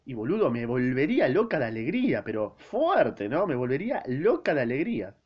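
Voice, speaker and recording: A man's voice: mid-range voice, wildly swooping pitch, a little fast, breathy edge. A man quoting a passionate shoemaker's wife. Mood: longing. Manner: pleading, exclaiming, slangy. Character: lonely village shoemaker's wife, passionate woman. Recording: dull lo-fi recording.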